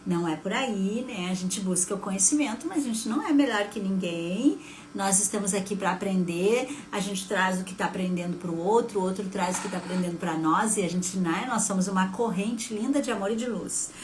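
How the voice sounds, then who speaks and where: A woman in her fifties with a southern Brazilian accent from Rio Grande do Sul, giving an emotional personal testimony on a live stream. She swings between hushed and loud and talks to herself as she speaks. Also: medium pitch, fairly quick, slight background noise. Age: 50s. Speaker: spiritual therapist and live host.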